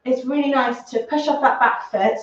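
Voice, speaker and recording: A woman with a high voice explains dance steps, often breaking into giggles. She sounds far from the mic in a very echoey room. The sound is muffled and dull. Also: steady tone, moderate pace. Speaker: dance teacher, co-host. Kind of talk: live-streamed dance lesson. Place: dance studio.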